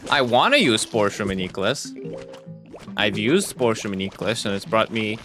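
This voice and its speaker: A man's voice: fairly low pitch, big pitch swings, normal speed. Rambling man commentating over game music. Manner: rambling, joking, self-mocking. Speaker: gaming video host.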